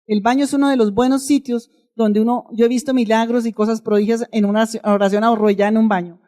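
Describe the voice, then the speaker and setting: A woman's voice: a little high, steady tone, fast, dark tone. A woman pastor giving a sermon, telling a personal testimony in a conversational, emotional way and addressing the congregation directly.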